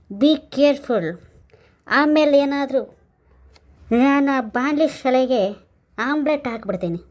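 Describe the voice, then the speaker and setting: A woman acting out a drunk village braggart, slurred and rambling, high for a man, slow and dragging, broken english boasts, comic skit. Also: a little mellow.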